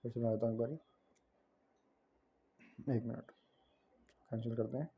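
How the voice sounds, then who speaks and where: A man's voice: medium pitch, flat delivery, normal speed, slightly rough, dull audio. A man teaching a lesson in a casual, explanatory way, often asking "right?" and correcting himself as he goes. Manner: conversational, frequent tag questions and self-corrections. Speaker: tutor.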